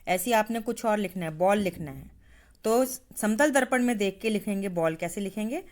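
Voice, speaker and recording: A woman's voice: mid-range voice, lively intonation, normal speed, a little mellow. Patient woman teacher explaining a science lesson. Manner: patient, addresses pupils as "beta"; demonstrates step by step, spells letters aloud.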